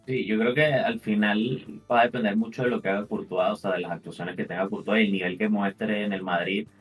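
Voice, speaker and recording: A man's voice: fairly low pitch, fairly even intonation, a little fast, recorded from a distance, soft background music, poor audio. A man giving casual football analysis as a commentator, in long winding sentences with repeated points of emphasis.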